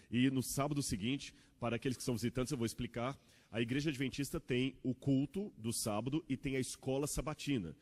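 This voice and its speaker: A man from Brazil, preaching a sermon in a church with rhetorical questions and an animated storytelling manner. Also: mid-range voice. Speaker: pastor. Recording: long church hall reverb.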